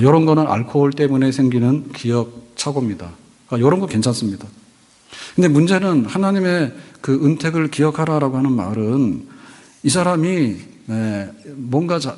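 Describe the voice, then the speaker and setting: A man's voice: medium pitch, darkish tone. A man preaching a sermon as a pastor, speaking in a conversational way, with everyday anecdotes and rhetorical questions. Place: church sanctuary. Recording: church hall reverb.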